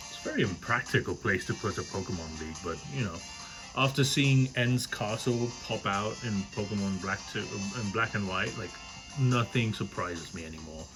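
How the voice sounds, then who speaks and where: A man's voice: on the low side, normal speed, rough recording. A man giving casual, self-deprecating let's play commentary, swearing freely. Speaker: gaming YouTuber. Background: game music.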